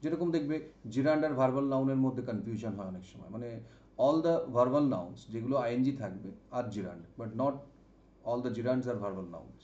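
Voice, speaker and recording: A man teaching an exam-prep English vocabulary lesson, explaining slowly, repeating example words and checking understanding with "okay?". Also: medium pitch, lively intonation, dark tone. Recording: dull, echoey room sound.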